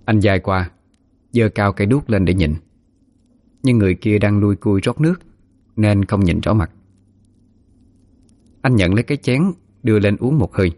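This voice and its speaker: A man's voice: on the low side, normal speed, long pauses, darkish tone, no echo. A man narrating a ghost story vividly.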